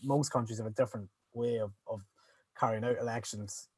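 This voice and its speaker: Guy rambling in a chat, husky voice, dry close sound, lots of likes and you knows. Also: medium pitch, steady tone, brisk, a little mellow, no echo. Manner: rambling, full of fillers and restarts. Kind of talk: casual chat.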